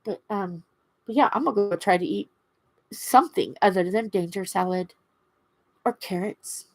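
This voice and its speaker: A woman chatting casually and haltingly on a livestream, her words slightly impeded by a swollen lip. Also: mid-range voice, no echo. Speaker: craft livestream host. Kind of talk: casual rambling livestream chat.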